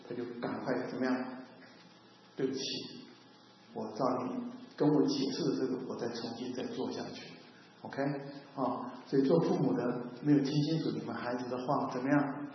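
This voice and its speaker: A man's voice: mid-range voice, slight background noise. 60s pastor guy preaching casual, keeps asking the crowd stuff, muffled sound. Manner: conversational, keeps asking the congregation questions, mixes in English phrases. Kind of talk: sermon. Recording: echoey hall, dull sound.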